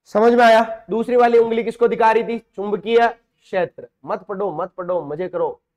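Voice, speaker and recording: A man's voice: sits high, steady tone, moderate pace, darkish tone. A man teaching physics as a classroom lesson, explaining step by step, asking and answering his own questions and calling students "beta".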